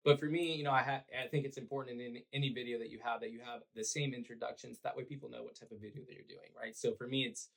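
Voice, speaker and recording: A realtor appearing as a podcast guest speaks in a hoarse, raspy voice, worn out from cheering at a game, with a gravelly drag at the ends of his phrases. His middle-pitched delivery is earnest and relaxed, the easy chat of a podcast interview, and he leans on fillers as he explains. The audio quality is poor.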